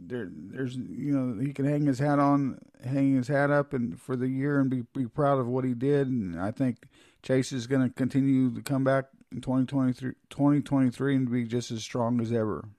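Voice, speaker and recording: A man's voice: medium pitch, fairly even intonation, normal speed, warm tone, no room sound, clean studio sound. A man co-hosting a casual talk show, easygoing and fond of folksy phrases. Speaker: podcast co-host. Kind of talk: casual chat.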